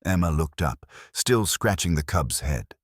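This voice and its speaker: A man narrating a sci-fi story in a measured, dramatic storytelling manner. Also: extremely low pitch, animated, husky, no room sound, studio quality.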